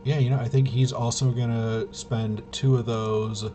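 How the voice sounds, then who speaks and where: A man with a medium-pitched, level voice talks a little slowly over background noise. He's a solo tabletop RPG player and presenter, casually walking through his gameplay and muttering hesitantly to himself as he thinks things out aloud.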